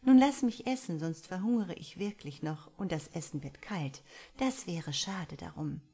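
A woman's voice: fairly low pitch, animated, unhurried, mellow, breathy edge, full character voice. A woman reading an audiobook, voicing an affectionate young woman who is a little impatient with her partner. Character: affectionate, hungry young woman on a romantic getaway.

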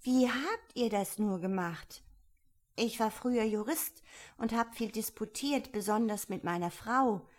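A woman voicing a polite, timid young girl in a storybook reading, pitched up and eager. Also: unhurried, natural voice. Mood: reciting. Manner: higher, eager, slightly tearful. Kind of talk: audiobook character voice.

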